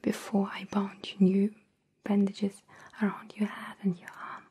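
A woman whispering softly and gently in an ASMR roleplay, caring for someone as a nurse-like caregiver. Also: medium pitch, completely flat delivery. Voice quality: breathy whisper. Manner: soft, gentle, slow whispering. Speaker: ASMR performer.

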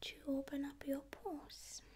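A woman whispering slowly and softly through an ASMR spa roleplay, with long pauses between her words. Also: sits high, fairly even intonation.

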